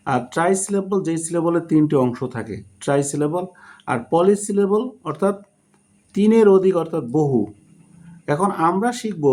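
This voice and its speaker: A man giving a spoken English lesson, explaining slowly and breaking words into syllables. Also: a little high, a little mellow. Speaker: English teacher.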